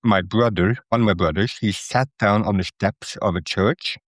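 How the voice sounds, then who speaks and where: Middle-aged guy from norway, lowish voice, thinks as he talks, dry close sound. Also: no room sound. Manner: thoughtful, measured, with fillers. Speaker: interview guest, Italian student. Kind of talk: conversational interview.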